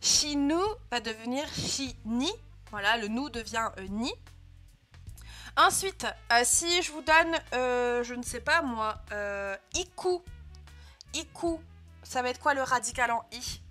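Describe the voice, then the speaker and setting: A woman's voice: on the high side, takes it slowly, pushed and bright, soft background music. A young woman teaching a live online language class, patiently explaining grammar step by step and checking in often with her students. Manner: patient, clear explaining with frequent "euh" and "hein" checks. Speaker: Japanese teacher.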